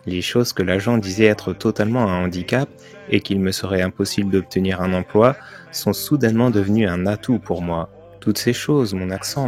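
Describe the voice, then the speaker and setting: This is the voice-over of a motivational speech, delivered by a man whose voice sits low and sounds a little mellow. Speaking in the first person in a dubbed recording, he relates his story with earnest emphasis.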